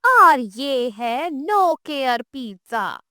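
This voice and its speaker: A woman voicing a mysterious female witch who sells pizza in a cartoon story, speaking slowly and soothingly. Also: high-pitched, sing-song, sharp tone, no room sound, studio quality, exaggerated voice. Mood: calm, knowing. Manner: slow, soothing, knowing.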